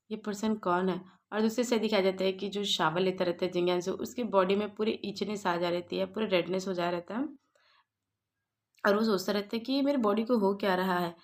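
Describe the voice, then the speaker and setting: A woman's voice: mid-range voice, steady tone, fairly quick. A woman casually recapping a story in a chatty way, dropping English words into her speech. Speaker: story explainer.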